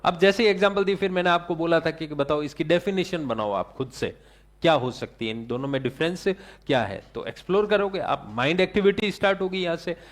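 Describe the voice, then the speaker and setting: A man's voice: a little high, lively intonation, brisk. A male teacher giving a classroom lecture, asking the class questions and answering them himself, with English terms mixed into his talk.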